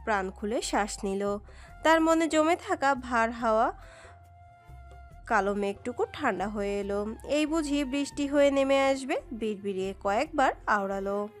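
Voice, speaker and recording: Woman, storyteller, scripted romance narration, expressive, high voice, soft music. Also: normal speed. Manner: expressive, dramatic reading. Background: soft background music.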